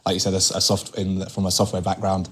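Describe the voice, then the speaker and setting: A man's voice: sits low, monotone, fast, fairly bright tone, husky. A man hosting a podcast interview at a trade fair, friendly and stumbling a little as he asks his questions. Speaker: podcast host.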